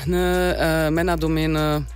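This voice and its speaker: A woman in her forties from Berlin, a rapper and guest, talking casually and haltingly with many fillers. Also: deep voice, level tone, soft background music. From Berlin, Germany. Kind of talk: casual interview talk.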